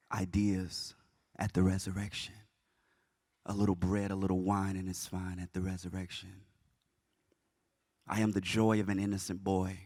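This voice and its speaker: A man from the South Carolina Low Country performing spoken word poetry in a rhythmic, chanting delivery. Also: a little mellow, no room sound, studio quality.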